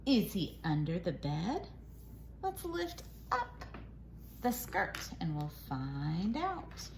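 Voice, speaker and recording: A woman educator reads a picture book aloud to young children in an exaggerated, sing-song storytime style, animating the read-aloud and modeling core words. Her voice is on the low side, slow, with huge pitch swings. Loud noise sits behind her voice.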